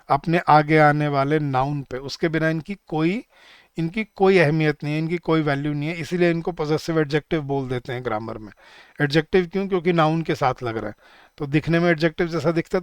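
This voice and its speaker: A young man with an Indian accent teaching an online grammar lesson, chatty, calling viewers guys and slowing down for example sentences. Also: on the high side, clean tone, no room sound. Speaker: English teacher.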